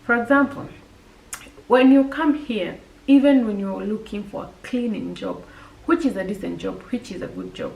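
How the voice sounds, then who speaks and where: A woman's voice: medium pitch, big pitch swings, normal speed, gravelly, darkish tone, echoey room, far from the mic, rough recording. A woman with a Kenyan accent, chatting directly to viewers and giving practical advice in a casual vlog. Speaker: vlogger. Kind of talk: casual advice talk to camera.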